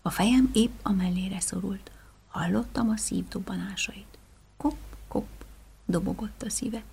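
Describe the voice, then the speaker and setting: A woman telling a dramatic first-person folk tale, shifting between hushed whispers and loud, rhythmic chanted lists. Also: mid-range voice, vocal fry, breathy edge. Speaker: storyteller.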